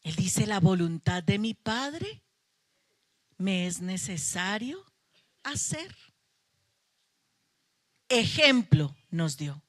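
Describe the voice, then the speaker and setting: A woman's voice: medium pitch, very animated, very slow, pauses often, no echo, studio quality. A middle-aged woman pastor, preaching a sermon with emphatic passion and playful asides to her congregation. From Colombia. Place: church sanctuary.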